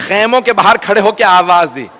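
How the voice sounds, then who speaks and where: Man cleric doing a grief sermon to a crowd hall, super high sharp voice, long mournful stretched lines. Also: animated, a little hiss or hum. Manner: urges the audience to weep, stretches phrases in grief-laden recitation. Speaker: cleric reciting a mourning majlis.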